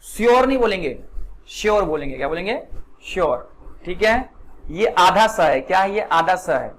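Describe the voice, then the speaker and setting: A man's voice: high voice, slight background noise. A man teaching a spoken English class, keeps asking his students questions and repeating the answers back. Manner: repetitive call-and-response questioning. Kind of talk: classroom lesson.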